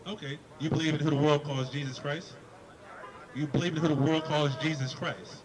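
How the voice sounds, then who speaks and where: Male street preacher, forceful debater, slightly raised pitch, recorded outdoors over a busy crowd. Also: steady tone, fairly quick, low-quality recording. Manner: emphatic, repeats words while pushing his point. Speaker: street preacher questioning a passerby.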